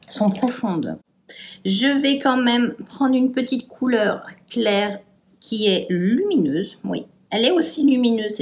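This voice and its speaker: French lady beauty vlogger, slow hesitant chat with lots of euh, slightly high voice. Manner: slow, hesitant, trailing off with fillers while applying makeup. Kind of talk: casual makeup tutorial chat.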